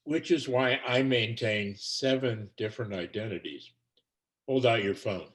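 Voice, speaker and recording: A smug male prankster colleague, as an actor reads him. He speaks at a middling pitch in a flat, deadpan way. It is heard over a video call. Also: a little slow, close to an everyday voice. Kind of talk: comedy play reading.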